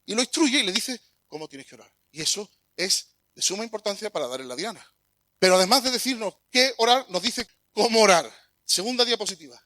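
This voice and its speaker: A man delivers a sermon in a high, bright voice. He talks earnestly and swells into emphatic bursts when quoting. The recording is dry and close, with no room sound. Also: animated, a little fast, dry recording. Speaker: preacher.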